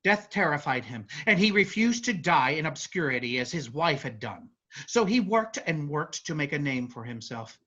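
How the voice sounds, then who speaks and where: In this staged reading, a performer acts as the play's narrator, telling a folk tale with chatty asides to the audience. The voice is medium-pitched with big pitch swings, normal speed and a sharp tone, captured on lo-fi audio.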